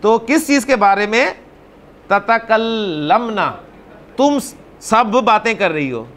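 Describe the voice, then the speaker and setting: A man teaching an Arabic grammar class, explaining patiently, calling on students by name and repeating words slowly. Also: high-pitched, sing-song, a bit bright.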